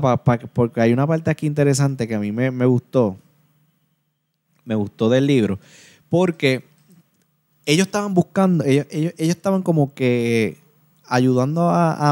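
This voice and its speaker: A man's voice: medium pitch, a little mellow. A man, hosting a podcast and talking through a book review in an earnest, casual way, often repeating and restarting his words. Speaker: podcast host.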